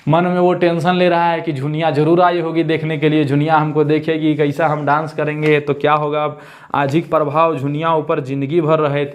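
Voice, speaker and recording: A man's voice: on the high side, little pitch movement, moderate pace. A male teacher explains a story, repeating lines and asking and answering his own questions.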